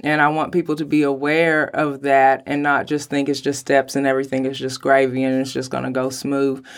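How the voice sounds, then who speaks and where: A woman with a hoarse voice, sick lately, talking casually and emphatically as an interview guest about her own work. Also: a bass voice, completely flat delivery, brisk. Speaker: podcast guest, writer.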